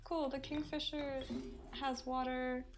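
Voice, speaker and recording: A woman chatting casually beside a gamer, teasing him with quick short remarks. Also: high voice, little pitch movement. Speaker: co-player watching along. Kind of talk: casual banter.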